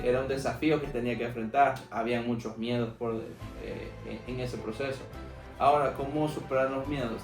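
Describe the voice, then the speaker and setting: A man's voice: mid-range voice, reverberant. A young Salvadoran man, an English teacher and former call center agent, telling frank anecdotes with lots of fillers in a casual interview. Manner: frank, anecdotal, heavy on fillers like "este" and "¿verdad?".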